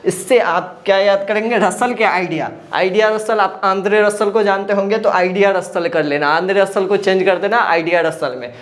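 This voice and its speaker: A woman's voice: mid-range voice, normal speed, hardly any pauses. A woman teaching an exam-prep lesson, drilling her students by asking questions and answering them herself.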